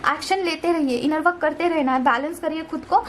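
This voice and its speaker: A woman's voice: high-pitched, fairly quick, slight background noise. A young woman giving a casual, reassuring tarot card reading, mixing English words into her Hindi. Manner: gentle, reassuring, keeps saying "theek hai".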